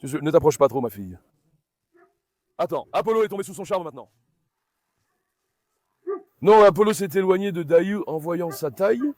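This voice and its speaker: A man hosting a dog vlog, giving running commentary to viewers and repeatedly calming his dogs with soothing commands. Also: sits high, normal speed, long pauses, no echo. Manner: talks directly to viewers as friends. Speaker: dog owner and channel host.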